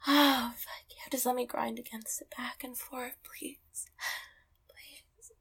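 A woman performing an intimate roleplay in soft, close whispers, often laughing quietly. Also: on the high side, little pitch movement, takes it slowly, vocal fry, husky.

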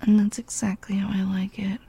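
Breathy woman in whispered role-play. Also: medium pitch, completely flat delivery, brisk, dark tone. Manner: intimate, breathy, coaxing murmur. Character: doting, dominant female lover. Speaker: audio role-play performer.

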